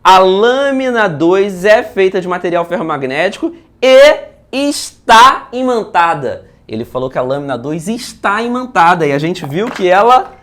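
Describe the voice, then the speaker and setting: Lively Brazilian man teaching physics. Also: high voice, normal speed, hardly any pauses. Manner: lively, chatty, keeps asking "beleza?" and "né?". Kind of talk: video lesson solving exam questions.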